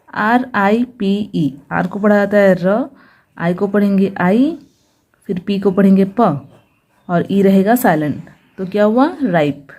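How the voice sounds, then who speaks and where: A woman's voice: mid-range voice, warm tone. A woman teaching English reading, spelling each word letter by letter and patiently repeating the sounds. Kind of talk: phonics lesson, spelling out words.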